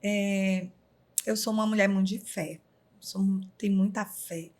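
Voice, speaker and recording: A woman's voice: medium pitch, fairly even intonation, measured pace, darkish tone. A middle-aged woman from Brazil, a podcast guest, earnestly telling a personal story with many fillers.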